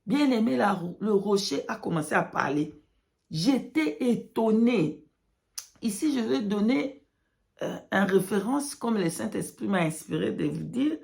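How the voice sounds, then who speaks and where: A woman with a mid-range, creaky, darkish voice speaks at a measured pace but with animation. She gives a religious testimony to followers in broken French, which is not her first language, mixing in English words and emphatically repeating phrases.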